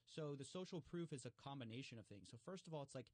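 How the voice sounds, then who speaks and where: An animated man explaining things in a relaxed conversational way, full of fillers and quick restarts. His voice sits in a middle range for a man. The sound is close and dry, with little room around it. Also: medium pitch, dry recording.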